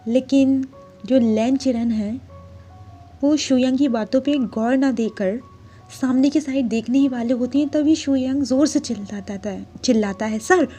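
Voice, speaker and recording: A woman's voice: sits high, a little slow, warm tone, faint music behind. A woman chattily retelling a fan fiction story, laughing along as she narrates.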